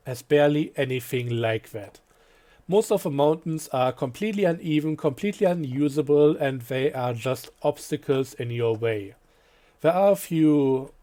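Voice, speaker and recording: A man's voice: on the high side, dark tone. A man giving a casual, offhand review of a video game, talking through it with frequent fillers and dry asides.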